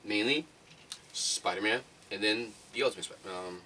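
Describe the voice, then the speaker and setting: A man's voice: fairly low pitch, normal speed, a crowd in the background. A young man co-hosting a casual podcast, chatty but hesitant, often trailing off mid-thought. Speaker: podcast co-host. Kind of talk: casual chat. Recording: voice from a distance with faint background noise.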